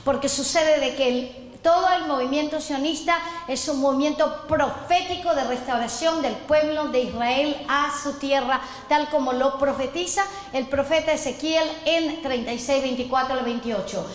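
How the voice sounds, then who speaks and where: Her voice sits high and moves at a moderate pace as a middle-aged Chilean woman earnestly teaches scripture, a messianic apostle prompting her listeners to say the words back. The recording has an echoey hall's long reverb.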